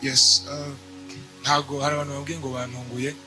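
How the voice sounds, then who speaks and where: Young man from Rwanda, church testimony, mid-pitched even delivery in short bursts, music behind. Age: young adult. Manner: measured, speaks in short bursts. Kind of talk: church testimony in short phrases paused for an interpreter.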